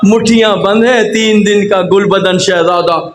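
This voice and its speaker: A man's voice: high-pitched, steady tone, some chatter behind. A man from Pakistan delivering a Shia majlis sermon as a dramatic storyteller who acts out the dialogue. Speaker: preacher. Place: large imambargah hall. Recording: echoey hall with faint noise.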